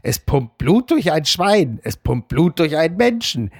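A man reading a newspaper column aloud in a put-on voice of a dopey cartoon dad, slow and mock-solemn. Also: on the high side, very animated, no room sound, clean studio sound, exaggerated voice. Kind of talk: comic read-aloud in a put-on voice.

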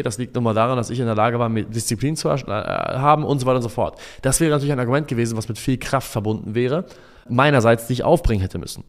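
Animated man telling sales stories. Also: medium pitch. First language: not German, has a migration background. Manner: animated storyteller, acts out both sides of dialogues. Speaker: sales coach and podcast host. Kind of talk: podcast monologue with sales stories.

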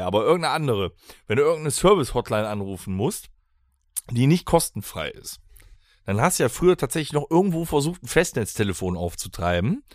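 Lively-voiced man joking around. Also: medium pitch, no echo, studio quality. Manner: jokey, rambling, puts on silly voices. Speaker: podcast co-host. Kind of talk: casual banter.

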